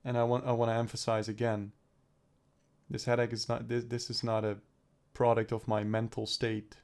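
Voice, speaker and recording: Monotone and darkish in tone, a young man's mid-range voice moves at a moderate pace. He's a vlogger on the mend from a cold, throat clearing up, swearing and rambling as he thinks aloud in his personal video diary.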